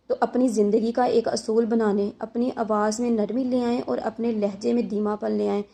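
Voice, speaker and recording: A woman talks straight to her viewers, giving relationship advice. Her voice is fairly high with a gravelly edge. She explains with examples and asks rhetorical questions. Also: dark tone. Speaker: advice channel host.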